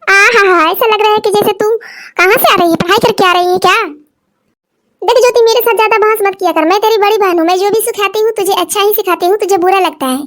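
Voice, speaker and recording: A woman's voice: extremely high pitch, quick pace, a bit bright. Woman doing a bossy elder sister in glasses. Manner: bossy, lecturing. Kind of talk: cartoon voice acting.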